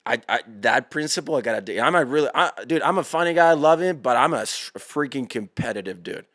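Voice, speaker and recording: Slangy, animated man telling stories. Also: medium pitch, fast, no room sound, clean studio sound. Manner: animated, slangy, calls listeners bro and dude. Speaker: podcast guest, endurance athlete. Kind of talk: casual storytelling chat.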